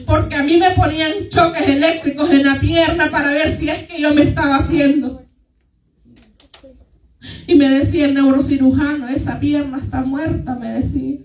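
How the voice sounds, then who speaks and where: A woman's voice: sits high, fairly even intonation, moderate pace. A woman giving an earnest, emotional testimony to her church congregation. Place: church hall. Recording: echoey church hall, mic far off.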